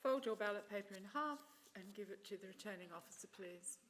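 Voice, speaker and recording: A woman's voice: medium pitch, fast talker, fairly bright tone. A woman council officer pointing out papers and giving ballot instructions, hesitant and searching as she talks. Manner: hesitant, searching through pages with fillers. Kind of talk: formal council meeting procedure. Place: council chamber.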